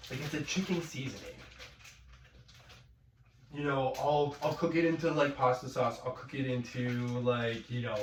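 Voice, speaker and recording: A man's voice: medium pitch, fairly even intonation, normal speed, pauses often, a little hiss or hum. A young man rambling and ranting profanely while cooking at home, full of fillers. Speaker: vlogger. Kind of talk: rambling cooking vlog rant. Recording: echoey room, mic at a distance.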